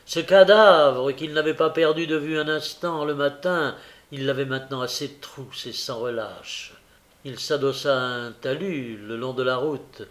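A man reading a novel aloud as narrator, measured, dropping low and quiet in the tense passages. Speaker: audiobook narrator.

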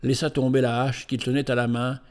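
A man giving scripted storybook narration in a steady, measured reading voice. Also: mid-range voice.

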